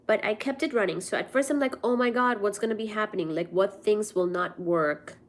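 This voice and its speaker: A woman's voice: medium pitch, fairly quick. A young woman from India, hosting a casual livestream and chatting with viewers while answering their messages. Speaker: livestream host.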